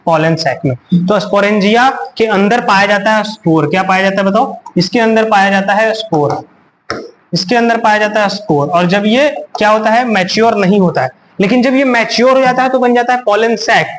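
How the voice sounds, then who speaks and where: High-voiced Hindi biology teacher drilling terms. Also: male voice, normal speed, a little hiss or hum, low-quality recording. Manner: asks questions and answers them himself, repeating key terms; mixes in English terms and reads English text aloud. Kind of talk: classroom lecture on a recorded video.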